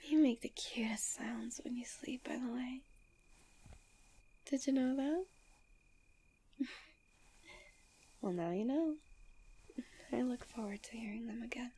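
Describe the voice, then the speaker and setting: A woman voicing a doting, possessive fox-spirit wife in a soft, breathy ASMR role-play, speaking gently, intimately and soothingly. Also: a little high, takes it slowly, long pauses. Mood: soothing, affectionate.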